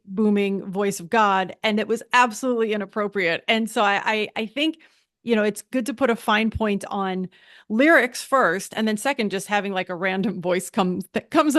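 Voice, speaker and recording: A woman's voice: a little high, no echo, studio quality. A woman hosting a podcast, chatting casually with many restarts and asides. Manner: chatty, self-interrupting with frequent restarts. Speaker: podcast host. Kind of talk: conversational interview.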